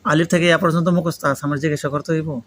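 A man's voice: a little high, steady tone, racing, fairly bright tone. A man from Pakistan with a Pakistani accent and native Urdu, teaching interactively in a foreign learner's Bengali mixed with Urdu, repeating and prompting with questions. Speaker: Arabic grammar teacher. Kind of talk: interactive lesson, explaining and quizzing students.

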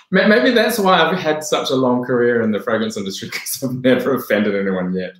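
A fragrance brand co-founder in his forties, with a New Zealand accent, is interviewed over video call from a room at home, talking quickly and enthusiastically and laughing often. His voice is medium-pitched and expressive, picked up by a webcam mic in a roomy, echoey space.

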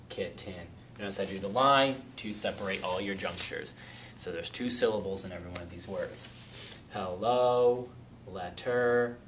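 Low-voiced man teaching a phonics lesson. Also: a little hiss or hum. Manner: patient, explains step by step and repeats example words slowly.

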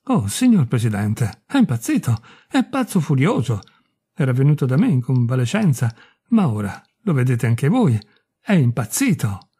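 A man voicing a panicked middle-aged tax collector in a read-aloud story, frantic and shouting. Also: medium pitch, big pitch swings, moderate pace, slightly rough.

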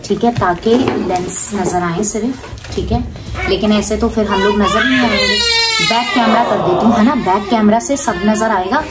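A woman hosting a prank vlog at home, chatting to her phone on a tripod and then loudly arguing in a staged quarrel. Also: mid-range voice, expressive, moderate pace. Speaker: vlogger host. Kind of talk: casual prank vlog chat. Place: at home indoors. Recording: echoey room with background noise.

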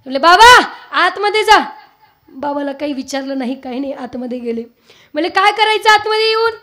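A woman's voice: high-pitched, lively intonation, fairly quick, sharp tone. A woman kirtan preacher with a Marathi accent. She tells a devotional story, asks her listeners questions and breaks into sung verses. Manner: asks the audience questions, shifts between speech and sung verses.

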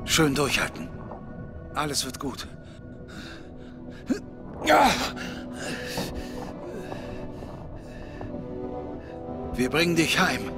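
An actor playing a steadfast squad leader in a war video game, with an authoritative, clipped delivery. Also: male voice, on the high side, very animated, normal speed, over music. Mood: solemn, steady. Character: commanding, steadfast male military squad leader. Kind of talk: dramatic military game acting.

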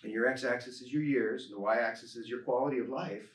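A man in his fifties, a chiropractor being interviewed, speaking calmly and earnestly in an office. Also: mid-range voice, fairly quick. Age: 50s. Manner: calm, earnest, repeats phrases for emphasis. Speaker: chiropractor guest. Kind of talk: reflective interview talk. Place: office with a desk and a skeleton model. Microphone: desk microphone on a stand. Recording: roomy office sound, mic a bit distant.

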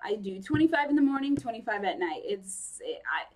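A young woman vlogging casually about her training, talking fast and chatty with lots of fillers and self-corrections. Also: fairly high pitch, very animated. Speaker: fitness vlogger. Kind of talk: casual vlog chat.

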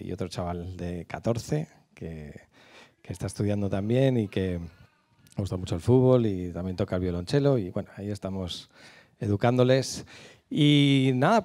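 Un hombre de unos cuarenta años con acento madrileño, hablando a una congregación en una iglesia con micrófono de mano, con muchas pausas y muletillas. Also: male voice, lowish voice, warm tone. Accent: Madrid Spanish. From Spain. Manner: hesitant, many fillers and restarts. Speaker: guest speaker at a church. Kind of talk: church talk to a congregation. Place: church hall with a small stage. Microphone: handheld microphone.

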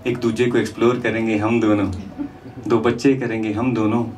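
A stand-up comedian with a lowish, darkish voice speaks in a level tone at a moderate pace, weaving rhymed storytelling verse with conversational asides. The set takes place on stage in a small indoor comedy venue, using a handheld microphone, and the live recording is distant and noisy.

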